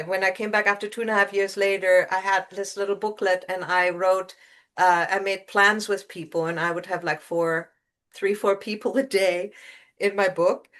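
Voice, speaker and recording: A woman co-host speaks in a soft, halting way as she reflects on her own story. Her pitch is ordinary for a woman, and her pace is unhurried. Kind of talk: emotional personal reflection.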